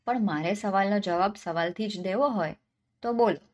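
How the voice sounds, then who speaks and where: A woman's voice: medium pitch, moderate pace, lightly acted. A woman voicing a clever, penniless young man in a folk tale, cheeky and self-assured, answering questions with questions.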